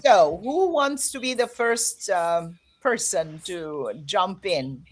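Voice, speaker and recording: Speaking slowly in a lowish voice with lively intonation, a woman moderates filmmakers as a festival host on a video call. Friendly but directive, she gives them instructions to guide the online panel.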